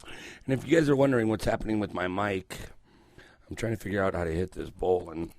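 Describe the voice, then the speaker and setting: A deep-voiced older man with a darkish tone hosts casual morning radio, animated and fairly quick. He's getting over a cold, so his voice is hoarse and croaky as it comes back, and he rambles and swears freely into an ear-worn headset mic in a small studio.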